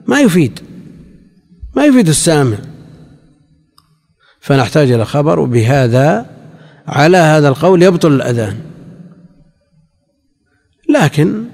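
A man's voice: fairly high pitch, a little mellow. A man teaching as a religious scholar, explaining points of law and grammar and reciting example phrases over and over. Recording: long reverb of a large hall.

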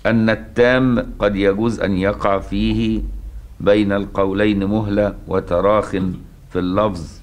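A middle-aged Egyptian man with a very low voice gives a religious lesson. He explains patiently and keeps checking that his listeners have understood. He slows right down when he recites a verse. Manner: checks understanding with rhetorical questions; recites quoted verses slowly and deliberately. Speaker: religious teacher.

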